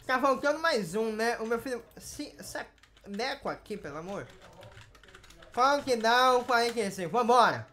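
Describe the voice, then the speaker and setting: A woman's voice: on the high side, lively intonation, normal speed, fairly bright tone. A woman with a Brazilian Portuguese accent, streaming a game and bossily scolding the players in a training she runs. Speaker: Roblox streamer running a rank training. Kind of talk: live gameplay commentary.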